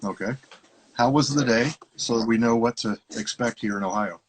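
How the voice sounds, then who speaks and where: A man's voice: mid-range voice, normal speed, a little hiss or hum. A man hosting a live online interview, asking questions in a chatty, friendly way. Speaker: interview host. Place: Ohio.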